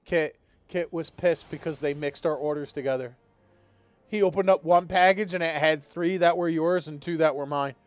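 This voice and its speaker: A man's voice: on the high side, normal speed, smooth, no echo, lo-fi sound. A young man streaming a game live, chatting casually in a laid-back, rambling way full of swearing. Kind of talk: casual live-stream chat while gaming.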